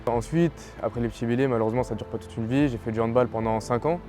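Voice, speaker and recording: A man's voice: medium pitch, fast. A man of twenty from French Guiana, talking casually in an interview about his path in sport. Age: 20s. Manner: relaxed, talks plainly with fillers. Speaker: young athlete interviewee. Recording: interview with faint music underneath.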